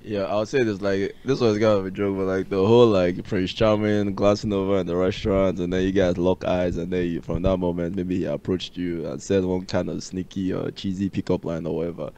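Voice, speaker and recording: A man co-hosting a podcast, chatting casually in a frank, animated way and laughing often. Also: low voice, brisk, hardly any pauses. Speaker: podcast co-host. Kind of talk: casual chat.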